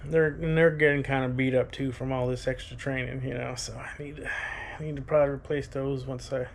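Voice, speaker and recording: A man in his thirties talking casually to his vlog audience, rambling and thinking aloud in a halting way. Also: medium pitch, little pitch movement, vocal fry, a little hiss or hum. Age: 30s. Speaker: running vlogger.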